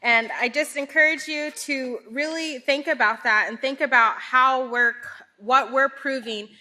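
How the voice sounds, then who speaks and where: A woman's voice: high voice, steady tone, unhurried, sharp tone. A young woman giving an earnest sermon reading at a pulpit microphone, working through long lists of definitions. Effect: speaking at a pulpit microphone. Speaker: speaker at a church service.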